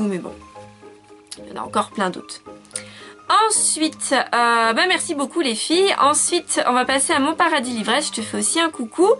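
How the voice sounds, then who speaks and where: A woman in her twenties chatting casually as she answers viewer questions in a video, with lots of fillers and quick self-corrections. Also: mid-range voice, fairly bright tone. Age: 20s. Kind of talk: casual chat.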